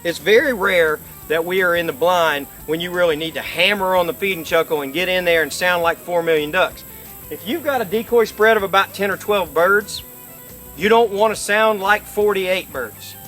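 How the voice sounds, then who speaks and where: A man's voice: high-pitched, moderate pace, pushed and bright, faint music behind. A middle-aged man giving an informal, folksy instructional demonstration, explaining step by step. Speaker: duck-calling instructor. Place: outdoors by a lake.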